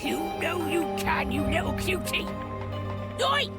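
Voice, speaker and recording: A woman's voice: very high voice, sing-song, unhurried, over loud music, exaggerated voice. A woman playing a brash, bossy female dwarf engineer in a video game. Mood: bossy, teasing.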